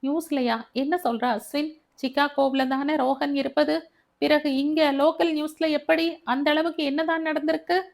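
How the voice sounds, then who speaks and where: A woman's voice: sits high, steady tone, normal speed, gravelly, voice pushed up. A woman voicing a protective older brother who comforts his younger sibling and questions him urgently. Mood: shocked. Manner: soothing, then shocked.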